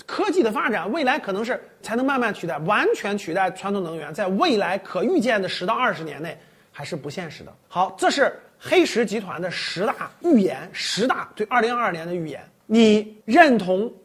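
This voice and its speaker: A woman's voice: medium pitch, big pitch swings, brisk, husky. A woman giving casual, opinionated commentary on a list of forecasts, setting each point against her own view in loose phrases with restarts. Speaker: finance commentator.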